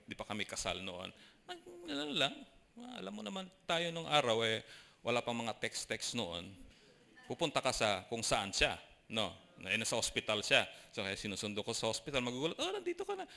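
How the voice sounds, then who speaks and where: A man's voice: fairly low pitch, vocal fry, bright, forceful tone. A middle-aged man with a Filipino accent preaching a sermon, mixing personal stories with questions to the congregation. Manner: mixes storytelling and preaching, asks the congregation questions. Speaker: lay preacher.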